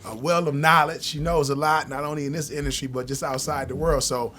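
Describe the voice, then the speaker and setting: Rambling man co-host, higher voice. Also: fairly even intonation, a little fast, pushed and bright, a little hiss or hum. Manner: rambling, many fillers. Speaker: podcast co-host. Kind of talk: casual chat.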